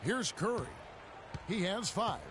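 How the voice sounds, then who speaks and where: An American man calls a basketball game as play-by-play commentator in a video game broadcast, his voice sitting high with lively intonation and a slow pace. Loud music, a bouncing basketball, and arena crowd sounds make the background noisy.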